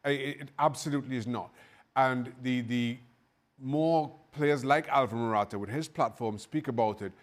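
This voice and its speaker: Male former player on the panel, mid-pitched, firm and emphatic. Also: normal speed. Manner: emphatic, stressing his firm convictions. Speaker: former footballer turned pundit. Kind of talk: studio panel discussion.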